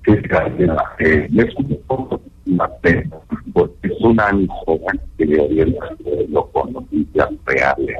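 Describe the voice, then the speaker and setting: A man calling in to a radio show, speaking haltingly over a glitching phone line that keeps cutting out. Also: extremely low pitch, steady tone, slightly rough. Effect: glitching, cutting-out phone audio. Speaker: caller.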